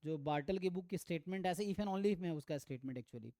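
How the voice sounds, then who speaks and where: Clear-voiced math tutor, dry close mic. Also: male voice, a little high, mellow, no echo. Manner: thinks aloud, mixes Hindi with English terms; reads theorem statements slowly. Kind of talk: online exam-prep lecture.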